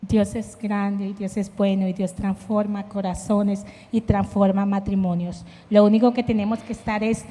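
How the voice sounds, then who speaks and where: A woman's voice: mid-range voice, level tone, moderate pace, hardly any pauses, mellow. A middle-aged woman preaches a sermon on marriage, earnest and personal, sharing stories from her own life. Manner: earnest, personal and emotive, with self-deprecating anecdotes. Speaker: church leader preaching with her husband. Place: church sanctuary. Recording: long reverb of a church hall.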